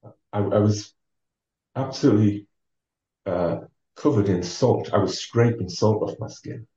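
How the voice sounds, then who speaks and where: A low-voiced man tells a long story at an easy pace as an interview guest, stopping often on ums and restarts. His voice sounds mellow and a little distant. The recording is dull and roomy. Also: a little hiss or hum. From North East England. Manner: measured, with many ums and restarts. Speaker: interview guest, former marathon runner. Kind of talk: relaxed storytelling.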